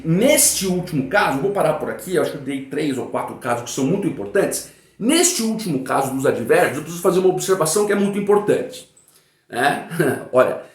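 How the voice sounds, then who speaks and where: A man teaching a grammar lesson in a didactic way. He often checks that his students follow, and he reads example sentences slowly and with emphasis. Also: a little high, roomy sound. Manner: didactic, checks understanding with frequent "né?" and "tá bom?".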